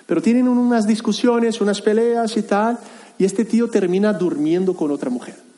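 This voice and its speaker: Pastor guy preaching, kinda high voice, mellow tone, lots of pauses and restarts. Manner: earnest, halting delivery with frequent pauses and restarts. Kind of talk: sermon. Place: church hall.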